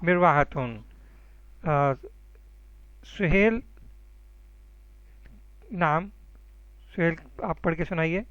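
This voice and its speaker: High-pitched guy teaching arabic online, encouraging, dry dull audio. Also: pauses often, fairly bright tone, dry recording. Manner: patient, encouraging, calls students by name.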